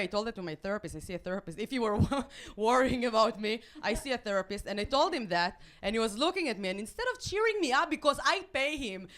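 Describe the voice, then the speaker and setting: An Israeli woman in her late twenties, whose first language is Hebrew, performs a stand-up routine on a comedy club stage before a live audience. Her voice is a little high, with an Israeli accent, and her delivery is deadpan and self-mocking, with halting restarts.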